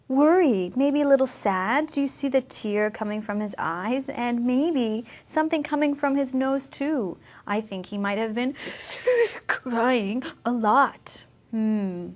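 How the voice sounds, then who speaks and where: A woman leads a children's reading lesson at an unhurried pace. Her voice sits a little high, and she speaks expressively and keeps asking her young listeners questions. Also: lively intonation, darkish tone. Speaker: English teacher.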